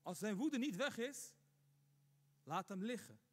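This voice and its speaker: A man's voice: sits high, lively intonation, unhurried, breathy edge. A man giving a Friday sermon as imam, asking rhetorical questions and repeating points for emphasis. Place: mosque. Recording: long hall reverb.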